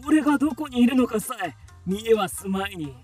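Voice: mid-range voice, lively intonation, brisk, a little mellow, soft background music, lightly acted. An actor playing a sneering unseen villain. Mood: taunting. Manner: sneering, taunting, stiff samurai speech. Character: sly invisible male villain, mocking. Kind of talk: audio drama acting.

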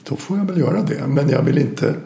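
Gravelly, thoughtful man in an echoey room. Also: mid-range voice, warm tone, a little hiss or hum. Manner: thoughtful, hesitant with repeated restarts. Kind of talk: reflective conversation. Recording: echoey room with faint ambience.

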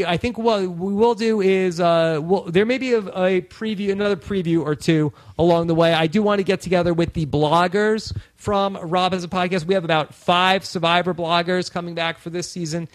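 A man's voice: sits high, no echo. A man hosting a podcast in a casual, rambling way with lots of fillers. His voice is tired and he is close to losing it. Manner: rambling, many "uh" fillers and restarts. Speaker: podcast host.

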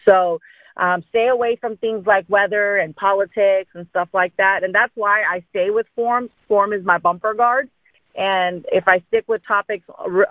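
This is informal instructional talk from a female insurance agent training others in sales; she was born in India and grew up in Dallas, Texas. Her lowish pitch comes over a thin, telephone-style line, dry and close with no echo. Her explanations are peppered with little tags such as "okay?" and "right?".

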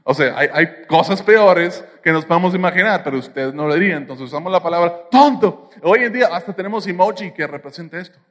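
A man's voice: sits high, animated, fairly quick, hardly any pauses, fairly bright tone, in a large hall. A man with a Mexican accent preaching a sermon, with playful jokes and asides to the congregation. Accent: Mexican Spanish. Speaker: pastor.

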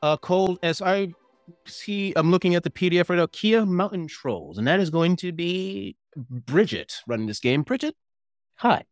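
Lively-voiced male podcast host. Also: high voice, normal speed, no room sound, studio quality, soft background music. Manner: upbeat, laughs often. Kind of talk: casual chat.

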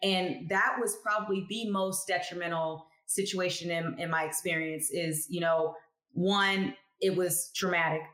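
In a room with noticeable echo, a woman in her thirties speaks in a lowish, slightly slow voice. She's a chemist appearing as a guest in a casual interview, telling stories expressively and acting out the people she quotes.

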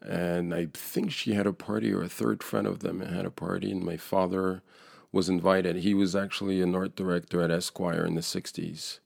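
A man's voice: sits low, level tone, moderate pace, creaky, darkish tone, dry recording, studio quality. A man in his forties from France, a painter being interviewed, talking in a hesitant, thoughtful way with many fillers. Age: 40s. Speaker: guest painter. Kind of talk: casual interview.

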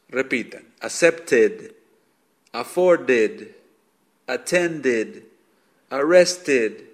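Slow, patient male language teacher. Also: medium pitch. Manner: patient, explains step by step and repeats examples slowly. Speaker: English teacher. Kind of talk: online language lesson.

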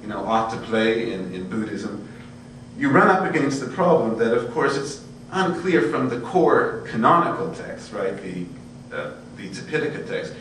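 A man's voice: medium pitch, very animated, normal speed, a bit bright. Male lecturer, very reverberant room, distant mic, erudite and discursive, informal academic delivery. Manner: erudite, discursive, checks in often with "right?". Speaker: lecturer in Buddhist studies. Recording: very echoey, distant microphone, faint hum and noise.

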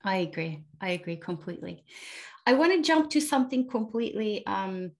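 A woman from Turkey hosting an interview, asking measured, thoughtful questions and agreeing with short murmurs. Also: medium pitch, sing-song. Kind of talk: conversational interview.

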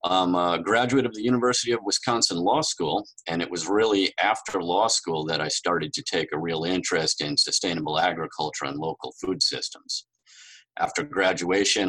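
Deep husky-voiced man explaining policy. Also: normal speed, bright, forceful tone, poor audio. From New Hampshire, USA. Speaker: podcast guest, legal researcher. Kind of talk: explanatory podcast talk.

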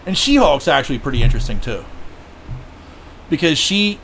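A fairly high-voiced man hosting a podcast, rambling in an excitable way and swearing freely. He piles on "like" and "you know" as he talks, with faint ambient hiss underneath. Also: normal speed. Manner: excitable, profane fan talk with many fillers. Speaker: podcast host. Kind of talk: casual chat.

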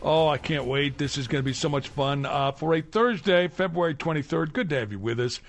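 Higher-pitched American male talk radio host. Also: a little fast. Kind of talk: live radio talk and sponsor reads.

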